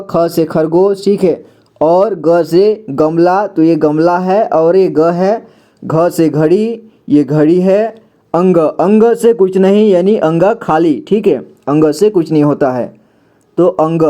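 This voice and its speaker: Patient man teaching the alphabet slowly. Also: on the high side, dark tone. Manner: patient, repeats "theek hai" often, drawn-out sounds. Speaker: Hindi teacher. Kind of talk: alphabet lesson explaining pictures.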